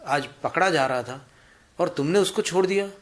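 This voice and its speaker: A man's voice: a little high, moderate pace, lightly acted. A man playing a stern scolding police inspector. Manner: scolding, interrogating.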